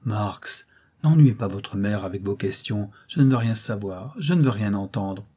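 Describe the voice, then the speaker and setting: Man voicing an earnest, grave gentleman. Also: lowish voice, lively intonation, measured pace, breathy edge. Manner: earnest, restrained.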